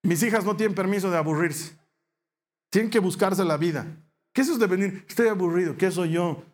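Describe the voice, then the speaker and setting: A middle-aged man with a Bolivian Spanish accent preaches in a fairly high voice. He retells scripture as a story, slipping into the characters' lines with big swings of pitch. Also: a little fast. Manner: storytelling, acts out dialogue with shifting pitch. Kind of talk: sermon.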